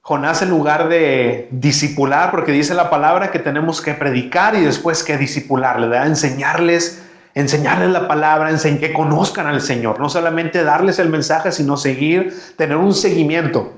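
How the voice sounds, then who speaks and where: Pastor preaching in an echoey hall. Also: male voice, a little high, normal speed. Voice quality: conversational, asks the congregation questions. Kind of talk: sermon.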